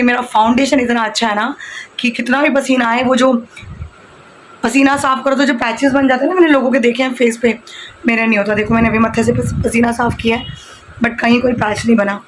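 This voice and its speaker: A woman in her thirties, slightly hoarse, chatting casually through a home vlog while cooking in her kitchen, holding her phone in one hand. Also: fairly high pitch, background noise. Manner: chatty, mixing Hindi with English phrases. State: hoarse from shouting. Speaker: vlogger and home tutor. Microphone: handheld phone.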